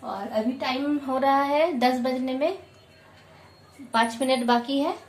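A woman's voice: sits high, slow pace. A woman from Bengal with a Bengali accent, chatting casually through a home cooking vlog in her kitchen, with small slips in her speech. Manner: chatty, homely, with slight slips in Hindi.

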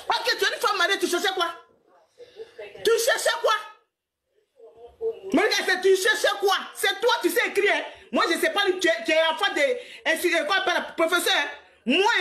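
A woman in her forties rants on a live stream in a very high, bright, forceful voice. She scolds at length, laughs often, and keeps repeating herself. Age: 40s. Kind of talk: heated live-stream rant.

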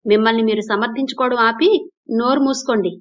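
A woman voicing a spoiled, arrogant young wife who scolds and shouts at her elders. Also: a little high, steady tone, fast, natural voice. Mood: furious, insulting. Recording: dull lo-fi recording.

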